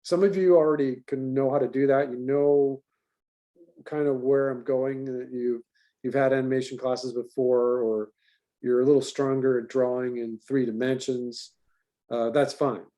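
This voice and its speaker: A man teaching an online animation class in an animated, talkative way. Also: medium pitch, normal speed.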